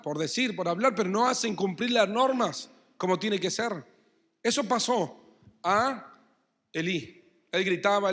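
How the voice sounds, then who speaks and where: A man's voice: sits high, a bit bright, in a large hall. A man preaching a sermon as pastor with an Argentine Spanish accent, acting out quotes and building emphasis. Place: church hall.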